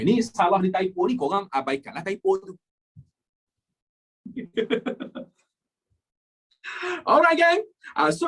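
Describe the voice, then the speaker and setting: High, lively Malaysian man teaching history. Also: husky, rough recording. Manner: jokey, repeats key points, mixes in English. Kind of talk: live online history class.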